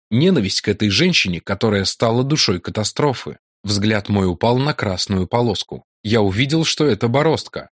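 A man narrating a novel in a measured, dramatic audiobook reading. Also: medium pitch, no room sound, studio quality.

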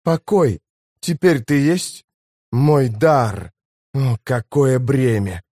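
A man voicing a worn-out male warrior-priest who speaks in a rasping, halting voice. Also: medium pitch, a little mellow, no room sound, clean studio sound. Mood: anguished. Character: exhausted male warrior-priest, burdened and grave.

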